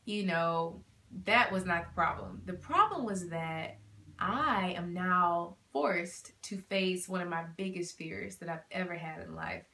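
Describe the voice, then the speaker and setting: A young woman vlogging, telling a heartfelt personal story with animated swings between hushed and excited delivery. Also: fairly low pitch, unhurried. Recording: echoey room.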